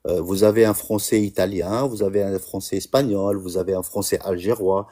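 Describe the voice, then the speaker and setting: Halting Constantine-accented Algerian man. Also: low-pitched, steady tone, warm tone. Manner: halting, many "euh" fillers, mixing Arabic and French. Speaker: diaspora activist on a live stream. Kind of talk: impassioned live-stream monologue.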